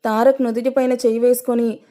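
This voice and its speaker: A woman narrating an audio story in a gentle, expressive way, her voice strained from long recording. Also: a little high, brisk.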